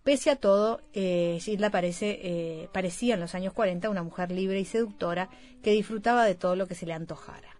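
Female film show co-host, mid-pitched, descriptive read with small hesitations. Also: brisk, a little mellow. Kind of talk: reading film summaries and chat.

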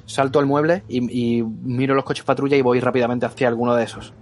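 A man takes part in a tabletop role-playing game, eager and quick with plenty of swearing. His voice sits at an ordinary middle pitch. Faint music plays in the background. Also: steady tone. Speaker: player.

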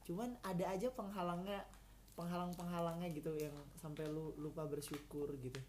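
A woman's voice: on the low side, fairly even intonation, a little fast, a little mellow, a little hiss or hum. A woman co-hosting a casual chat, rambling with many fillers and restarts. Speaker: podcast co-host.

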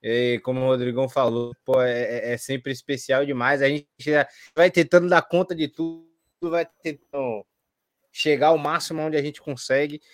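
A man's voice: mid-range voice, steady tone, moderate pace, dry recording, studio quality. A man with a Brazilian Portuguese accent, a sports commentator chatting casually, jokey and laid-back with many fillers. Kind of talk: casual chat.

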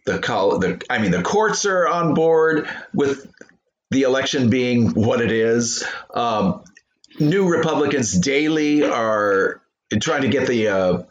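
A man co-hosting a casual remote podcast, talking with many pauses, ums and restarts. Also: mid-range voice, lively intonation, roomy sound, lo-fi sound. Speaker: podcast co-host.

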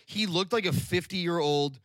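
A man in a band telling a story in casual chat, animated and swearing, acting out the people in it. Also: sits high, measured pace, dry recording, clean studio sound. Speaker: band member.

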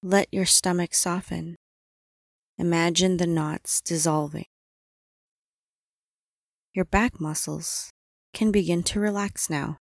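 A woman leads a body-scan meditation in a soft, soothing voice that sits a little low. She speaks very slowly, leaving long pauses between instructions. The recording is close and dry, with no room sound. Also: fairly even intonation, gravelly, no room sound. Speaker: meditation guide.

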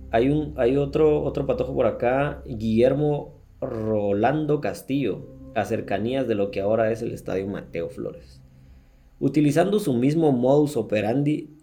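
A man's voice: on the low side, mellow. A man with a Guatemalan Spanish accent hosting a podcast, retelling true-crime cases in a crude, slangy way with swearing and laughter. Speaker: podcast host. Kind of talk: casual true-crime storytelling.

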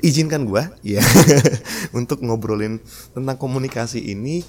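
A man's voice: mid-range voice, moderate pace, dark tone. Man, podcast host, casual and chatty with frequent laughs. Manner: chatty, laughs often, demonstrates tones. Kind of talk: casual talk about public speaking.

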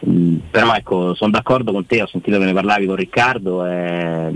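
A man's voice: low-pitched, brisk, poor audio. A man giving casual football commentary as a co-host, opinionated and repeating words for stress.

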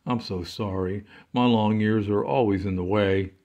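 A man voicing a shy, gentle female rabbit in a storybook, speaking softly and apologetically. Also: on the low side, fairly even intonation, normal speed, lo-fi sound, close to an everyday voice. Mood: fretful. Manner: soft, apologetic.

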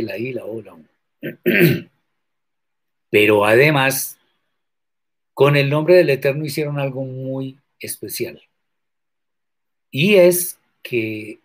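A man teaching scripture in a measured, deliberate way, answering viewer questions and stressing points with sharp questions. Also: medium pitch. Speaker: religious teacher.

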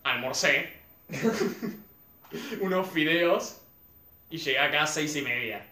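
Bright-voiced Argentine man telling a story. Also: fairly high pitch, takes it slowly. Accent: Argentine Spanish. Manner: animated, laughs through his own story. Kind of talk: casual storytelling among friends. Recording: echoey room, faint background hum.

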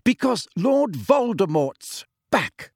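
A man's voice: sits high, big pitch swings, takes it slowly, gravelly, no echo, studio quality, voice pushed up, full character voice. A man voicing a nervous, earnest teenage girl who fumbles with fillers and then speaks firmly.

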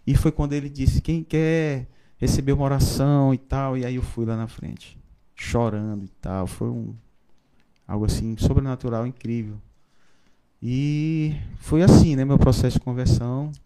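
A man, a pastor giving his conversion testimony in a podcast interview, telling it in a lively storytelling way with frequent tag questions. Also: mid-range voice, normal speed, clear, resonant tone. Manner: storytelling, animated, frequent "né?" tags.

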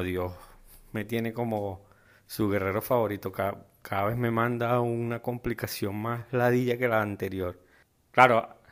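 A man with a Venezuelan accent hosting a casual solo podcast, rambling and joking in heavy slang. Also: medium pitch. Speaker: podcast host.

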